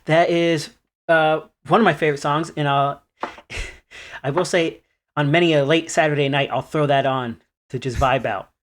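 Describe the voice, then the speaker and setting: A man co-hosting a podcast in casual chat, laughing often while giving relaxed opinions. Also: a little high, moderate pace. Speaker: podcast co-host.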